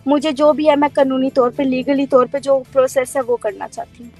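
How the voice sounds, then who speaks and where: A woman's voice: high-pitched, steady tone, brisk, darkish tone, soft background music. A woman in her thirties with a Pakistani Urdu accent, giving an earnest, firm account as an interviewee on a call and mixing in English words.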